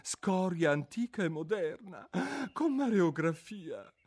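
A man reading an audiobook, voicing a mournful, sighing old Mock Turtle in a slow, plaintive, wavering way. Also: on the high side, very animated, a little mellow, voice pushed up, full character voice. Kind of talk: audiobook character voice.

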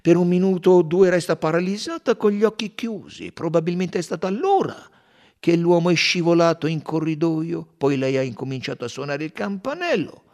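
A man voicing a fussy, measured elderly male detective in an audiobook reading. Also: on the high side, expressive, a little mellow, pitched above the performer's own voice. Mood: knowing. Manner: measured, knowing, explanatory.

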